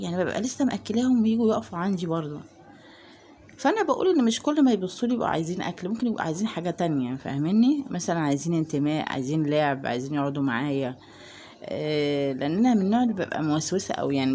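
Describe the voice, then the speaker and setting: A woman's voice: on the low side, dark tone, a little hiss or hum. A woman with an Egyptian accent chatting casually to her viewers at home about her cats, rambling with lots of fillers. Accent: Egyptian Arabic. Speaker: cat vlogger.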